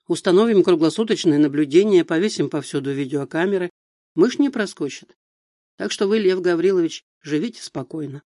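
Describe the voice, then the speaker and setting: A man's voice: fairly high pitch, a little fast, warm tone, no room sound, clean studio sound, lightly acted. A man voicing an eager, boastful young police lieutenant in an audiobook.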